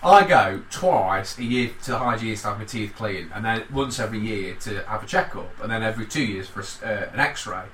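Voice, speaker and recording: A man in casual banter, rambling and animated and swearing often. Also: lowish voice, brisk, hardly any pauses, recorded from a distance, slight background noise. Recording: echoey room, off-mic, faint ambience.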